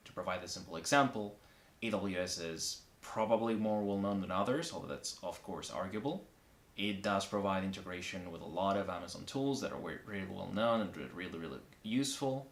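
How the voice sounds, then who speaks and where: A man from Argentina explaining his engineering work in a measured, step-by-step way, with some restarts. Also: sits low. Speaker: backend engineer. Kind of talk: solo recorded interview. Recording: echoey room.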